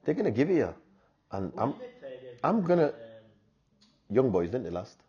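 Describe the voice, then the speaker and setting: A man's voice: mid-range voice, very animated, normal speed, mellow, highs cut off. A man, co-hosting a casual football podcast with teasing, slangy banter.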